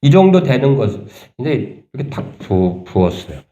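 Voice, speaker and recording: A man preaching a sermon as pastor, talking conversationally and asking the congregation rhetorical questions, turning animated and indignant at points. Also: mid-range voice, normal speed, echoey room, muffled recording. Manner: animated, rising sharply when voicing indignation. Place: church sanctuary.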